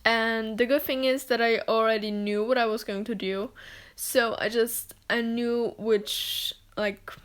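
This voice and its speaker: A woman's voice: fairly high pitch, steady tone, a little slow, clean tone. Rambling young woman. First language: German. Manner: rambling, with many "like"s and self-corrections. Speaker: video editor. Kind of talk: casual voice-over narrating an editing screen recording.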